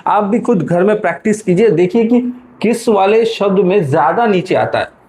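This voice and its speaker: A man's voice: high voice, expressive, moderate pace, a little mellow, slight background noise. A man teaching English literature in an explanatory lecture, often stopping to check in with the class and correcting himself as he goes. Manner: self-correcting, repeats "ठीक है" often.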